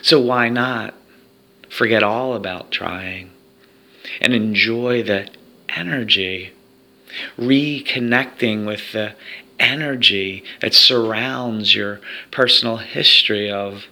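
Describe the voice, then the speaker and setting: A man's voice: fairly low pitch, slow, bright, forceful tone. A man leading a guided hypnosis recording for athletes, speaking in a soothing, repetitive hypnotic way.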